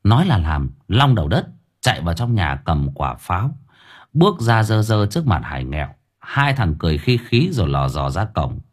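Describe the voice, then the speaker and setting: Guy reading a funny story, husky, lots of pitch movement. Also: normal speed. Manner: lively, playful storytelling. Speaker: audiobook narrator. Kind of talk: comic story narration.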